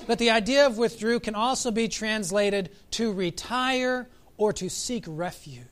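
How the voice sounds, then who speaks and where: A man preaching a sermon as pastor, reflective, asking his listeners questions and slowing down for emphasis. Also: high-pitched, fairly bright tone. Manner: reflective, asks the congregation questions, varies pace for emphasis.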